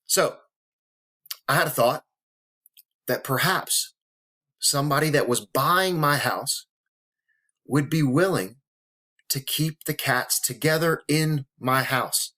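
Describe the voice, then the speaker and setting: A man in his thirties vlogs to camera slowly, pausing often, his slightly high voice pushed and bright. Emotional and earnest, he swings between blunt cursing and heartfelt motivation, tears held back.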